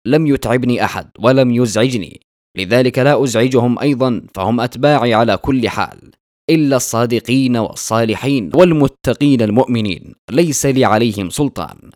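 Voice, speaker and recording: Booming devil tempter, male, mocking and menacing, read by a man in a dry, close recording at a middling pitch. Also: brisk, no room sound, natural voice. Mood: boastful. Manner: loud and booming. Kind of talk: dramatic storytelling.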